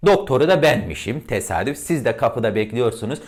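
A man giving a lesson on intonation, addressing his listeners as friends and demonstrating each example by swinging between deep and high tones. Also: big pitch swings, a little fast, a little mellow. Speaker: voice and diction teacher.

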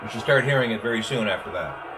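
A man in his sixties, an amateur radio operator and vlogger, talks fast and animatedly in a lowish voice. He gives casual explanatory commentary and radio call-outs from a small home office. The room is noisy, and a camera a short distance away picks him up.

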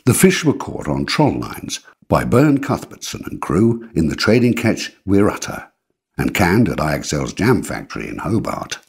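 A man with a very deep, gravelly and husky voice reads documentary history in a measured, formal way. His pitch rises and falls a lot as he narrates. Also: very animated, darkish tone.

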